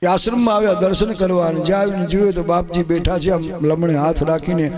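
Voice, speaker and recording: A man's voice: high-pitched, fairly even intonation, fast talker. A man with a Gujarati accent giving a devotional sermon, telling a parable with rhetorical asides to the devotees. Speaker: Shiv Puran katha preacher.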